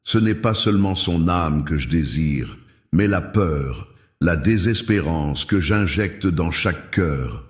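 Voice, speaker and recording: A man's voice: deep voice, animated, slow. A man putting on a cold whispering evil spirit. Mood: menacing. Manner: cold sneering whisper-like murmur. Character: sly menacing evil spirit, shadowy entity. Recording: roomy echo.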